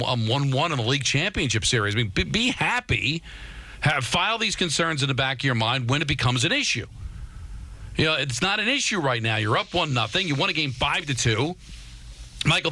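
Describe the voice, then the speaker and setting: A man's voice: mid-range voice, bright, forceful tone. A man co-hosting a sports talk radio show, arguing emphatically with repeated starts and rhetorical questions.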